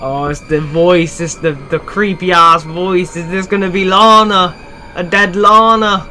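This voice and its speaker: Excitable reaction host, fairly high voice, show music playing behind him. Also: male voice, a little slow. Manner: excitable, swears, reacts loudly. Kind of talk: casual reaction commentary. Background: show soundtrack music.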